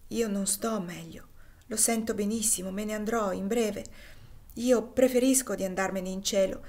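A woman voicing a frail, gentle, fevered young girl in an audiobook reading, soft and earnest. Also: mid-range voice, steady tone, moderate pace, natural voice.

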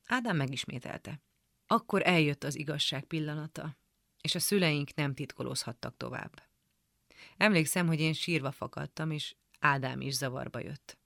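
A woman reading a literary memoir aloud for radio in a calm, measured storytelling manner. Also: low voice, creaky, no room sound, clean studio sound. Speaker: radio reader. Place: radio studio.

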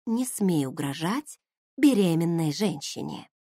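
A woman voicing a playful pregnant young sister who writes novels, speaking softly and teasingly. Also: fairly low pitch, expressive, unhurried, no room sound, clean studio sound. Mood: indignant. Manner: soft, hushed, teasing.

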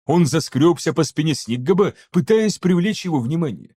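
A man narrating an action-packed fantasy audiobook with steady, even storytelling. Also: fairly high pitch, normal speed, slightly rough. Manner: steady, even storytelling that voices each character. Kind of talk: scripted narration.

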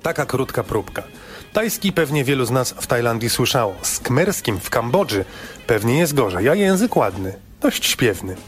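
Lively male radio travel reporter. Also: medium pitch, normal speed, soft background music. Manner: lively storytelling, playful.

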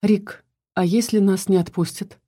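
A weary young wife who gives soft, evasive, sighing answers, as a woman reads her lines. The voice is mellow and gentle, close to the narrator's own, in a storybook reading. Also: medium pitch, fairly even intonation, a little slow, lightly acted.

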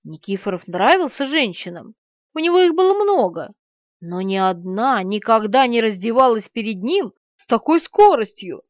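A woman reads a novel aloud with an expressive, animated delivery. Her voice sits high and swings widely. The recording is dry and slightly muffled. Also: normal speed, no echo. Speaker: audiobook narrator. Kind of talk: expressive audiobook narration.

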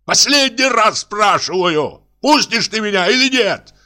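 A drunk, hot-tempered investigator in his sixties, voiced by a male reader blusters and roars in a raised, swinging voice. The pitch leaps about as his offended pride flares. He is a character from a read-aloud story. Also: very animated, moderate pace, full character voice. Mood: shouting. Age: 60s. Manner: blustering, shouting.

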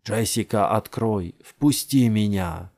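A zealous, menacing young man who drawls his words slowly in a low, husky voice, voiced by the male narrator. Deliberate and unsettling, read as a dark audiobook scene. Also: full character voice. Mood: shouting. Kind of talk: audiobook character voice.

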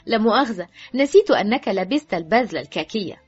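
A woman voicing a reckless, sharp-tongued teenage girl with a shrill, mocking voice, in an audiobook. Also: very animated, rapid-fire, husky. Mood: defiant. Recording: dull lo-fi with faint music.

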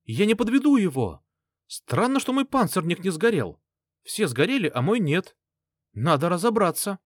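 Panicky young soldier, played by a man, frantic, rattling fast, high-strung voice, audiobook. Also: sing-song, a bit bright, no echo, clean studio sound, full character voice. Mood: excited.

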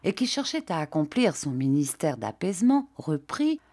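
A woman reading a classic novel aloud as an audiobook, in an expressive, measured way. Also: low voice. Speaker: audiobook reader. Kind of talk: scripted narration of a classic novel.

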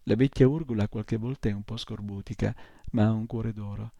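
Pompous old gnome professor, lecturing and boastful, dark and gravelly, as a male reader puts him on. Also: lowish voice, steady tone, fairly quick, dry recording. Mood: commanding. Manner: self-important and lecturing.

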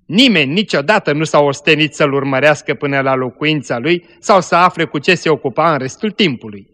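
A man narrating a story aloud in a slow, measured way. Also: a little high, pushed and bright, big-room sound. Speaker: story reader.

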